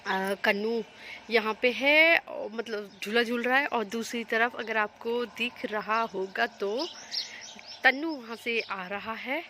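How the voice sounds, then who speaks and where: A woman's voice: fairly high pitch, slow pace, sharp tone, a little hiss or hum. A young woman filming a casual home vlog on her phone, chatting and rambling to viewers while she minds her children. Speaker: home vlogger and mother.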